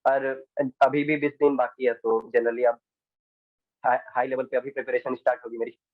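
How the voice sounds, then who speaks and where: A man's voice: medium pitch, little pitch movement, normal speed, no room sound. Teenage boy on a tinny call. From India. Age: teens. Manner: hesitant, restarts, mixes in English phrases. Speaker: interview guest, exam candidate. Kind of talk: casual interview answers. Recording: tinny dry phone-like line.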